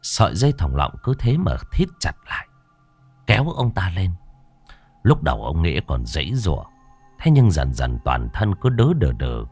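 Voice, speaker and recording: A man reading a ghost story aloud in an animated, theatrical style. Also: rumbling low, moderate pace, husky, faint music behind. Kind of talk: dramatic ghost story narration.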